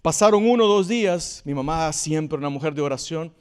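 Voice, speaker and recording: Male preacher, thirties, high voice, animated storyteller who mimics the people he quotes. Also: fairly quick, clear, resonant tone. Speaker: pastor. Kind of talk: sermon.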